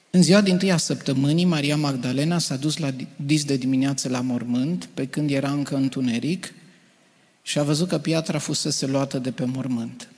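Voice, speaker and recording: A man, a preacher, reading scripture aloud to a congregation in a measured, earnest way. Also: medium pitch, creaky, a little mellow. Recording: reverberant hall.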